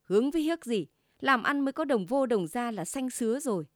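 Woman reading as a wife, plump, middle aged, always arguing, snappy and loud-ish, dry sound. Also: on the high side, normal speed, dry recording, close to an everyday voice. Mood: indignant. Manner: sharp, scolding.

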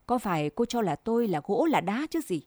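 Woman voicing a jealous village wife, sharp scolding, mellow warm tone, dry close sound. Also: medium pitch, sing-song, brisk, dry recording. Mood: scornful. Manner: sharp, scornful berating.

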